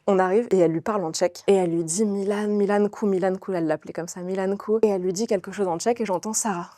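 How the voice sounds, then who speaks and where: Woman in her 30s rattling off a story on a podcast, lowish mellow voice, dry close sound. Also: racing, no echo. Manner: lively storytelling, acting out the dialogue of the people in the story. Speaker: interview guest. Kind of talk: telling a personal anecdote in an interview.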